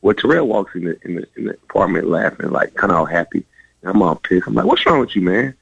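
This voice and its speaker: Deep, gravelly man rambling fast on radio. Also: no room sound, lo-fi sound. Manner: rambling, animated, many restarts. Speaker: former college basketball player, guest. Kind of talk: storytelling in a radio interview.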